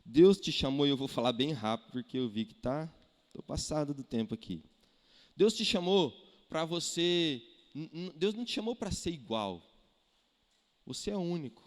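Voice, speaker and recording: A Brazilian man preaching a sermon as pastor, animated, firing rhetorical questions and acting out quotes. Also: on the high side, normal speed. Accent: Brazilian Portuguese. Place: church hall. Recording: echoey church hall.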